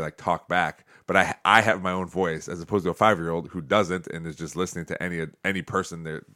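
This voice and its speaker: Man, deep voice, American accent, rambling and laughing, dry close sound. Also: bright, forceful tone, no echo. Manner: chatty, rambling, laughs often. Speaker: football and track coach. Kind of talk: casual podcast conversation.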